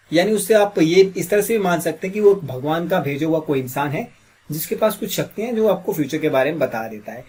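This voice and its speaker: Guy teaching english grammar, husky slightly sore throat, keeps asking the class questions. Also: on the high side. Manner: quizzes listeners with repeated questions, clears throat often.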